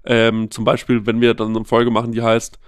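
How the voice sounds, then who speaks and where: A man's voice: mid-range voice, moderate pace, smooth, no echo. Chatty man telling stories, dry sound. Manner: animated storyteller, many fillers. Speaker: podcast host, guest here. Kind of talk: casual interview chat.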